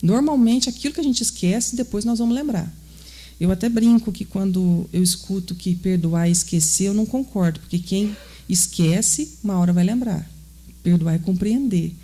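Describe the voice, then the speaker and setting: A woman's voice: mid-range voice, normal speed, warm tone. Earnest Brazilian woman giving a lecture. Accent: Brazilian Portuguese, Minas Gerais. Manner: earnest and conversational, asks the audience questions. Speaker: spiritist lecturer. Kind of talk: spiritist lecture. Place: spiritist center hall.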